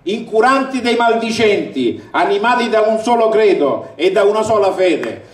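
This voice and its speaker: An older man gives a declamatory, booming campaign speech from a balcony, reading with emphasis. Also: very animated, normal speed. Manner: declamatory, emphatic delivery to a crowd. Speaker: election candidate. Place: outdoor balcony over a town square at night. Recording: roomy, distant, noisy outdoor rally recording.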